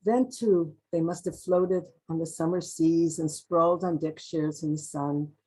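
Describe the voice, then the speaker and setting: Older woman poet, dark mellow voice, unhurried poetry reading. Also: low voice, steady tone, slightly rough, poor audio. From Canada. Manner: slow, measured recitation with occasional restarts.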